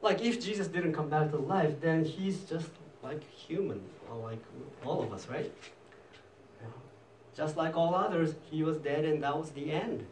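A man leads a conversational sermon as the pastor, turning often to the congregation with casual questions. His voice sits high and swings widely in pitch. It carries through an echoey church hall from some distance off the mic. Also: lively intonation, slow, slight background noise.

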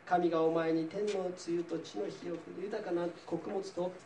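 A man reading an old blind father in a mellow voice. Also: sits high, steady tone, measured pace, far from the mic, pitched above the performer's own voice. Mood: solemn. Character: old blind father, doubtful then shaken. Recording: roomy, voice from off-mic, faint noise.

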